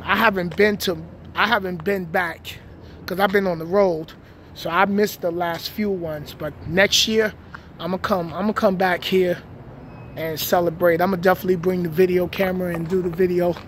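Walking outdoors at night among city streets and housing projects, a middle-aged New York City man with a local accent talks to his phone at arm's length in a relaxed, reflective vlog with street slang. His voice is high and steady at a normal speed, over street noise and passing cars.

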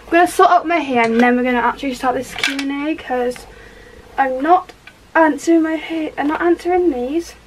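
A woman's voice: high-pitched, fairly quick, a little hiss or hum, rough recording. A Welsh teenage girl chatting in a rambling, upbeat way while doing her makeup in her bedroom, talking to the camera. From Wales. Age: teens. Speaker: vlogger. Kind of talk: casual get-ready-with-me chat. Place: small bedroom indoors.

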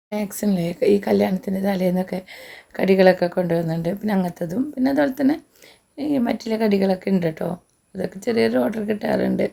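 A woman's voice: medium pitch, vocal fry, warm tone, husky. A woman, short of breath, chatting homely through a casual cooking vlog. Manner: chatty, homely, frequent tag particles. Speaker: cooking vlogger.

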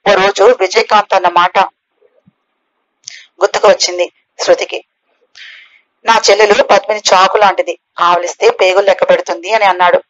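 A woman reading a novel aloud as an audiobook narrator, lifting her voice a little for the characters' lines. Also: medium pitch. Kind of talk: scripted narration of a novel, voicing all characters. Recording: slightly dull, lo-fi recording.

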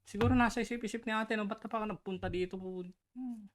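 A man's voice: high-pitched, steady tone, fast talker, very noisy. A man giving casual, teasing reaction commentary with sarcastic asides. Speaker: online commentator.

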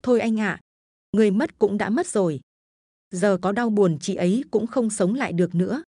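Brief: scheming village woman, coaxing, mellow low tone, read by a woman narrator. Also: moderate pace, breathy edge, dry recording, clean studio sound, lightly acted. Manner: coaxing, then yelling scoldings. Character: scheming village woman, sweet-talking then harsh. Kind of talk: storytelling voices.

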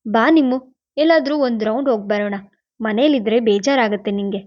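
An affectionate young husband, as a woman narrator puts him on, coaxing his wife gently. The voice is fairly high, and the sound is somewhat dull. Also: fairly quick, lightly acted. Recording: dull lo-fi recording.

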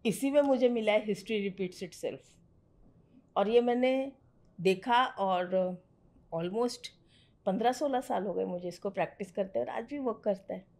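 A woman's voice: medium pitch, unhurried, darkish tone. A middle-aged woman mentoring a student on trading in a direct, firm conversational way, slipping English phrases into her talk. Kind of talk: conversational teaching.

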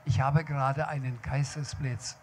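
Brief: an author reading a shy, polite storybook gentleman, mild and modest. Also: mid-range voice, level tone, unhurried, a little hiss or hum, natural voice. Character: modest, courteous grown-up male lodger.

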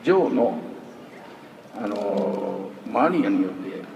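A man's voice: takes it slowly, creaky. A man talking casually on stage at a live talk event, telling stories in a chatty way. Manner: chatty, storytelling, lively pitch swings. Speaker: voice actor guest at a talk show. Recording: echoey hall, far from the mic, faint hiss.

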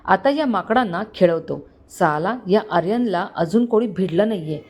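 A cool, cocky young male swindler in a spoken storybook tale, taunting his captors in a calm, mocking tone, as a woman narrator puts him on. Middle pitch, unhurried. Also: lightly acted. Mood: smug.

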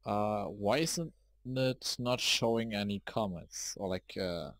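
A young man streaming a game live, rambling casually, easily startled, swearing and shouting at enemies. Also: fairly low pitch, slow pace, no echo. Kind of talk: live gameplay commentary.

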